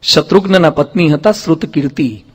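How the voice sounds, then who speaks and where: High-voiced monk preaching in a reverberant hall. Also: male voice, fairly quick, breathy edge. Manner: lively storyteller who acts out quoted speech. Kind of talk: devotional sermon storytelling.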